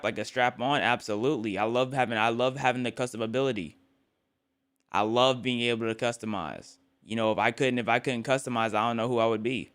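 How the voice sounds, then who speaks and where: His voice sits on the low side, a bit bright, with a clear, resonant tone. He's a weary young man on a late-night live stream, rambling and joking with chat while repeating and restarting phrases.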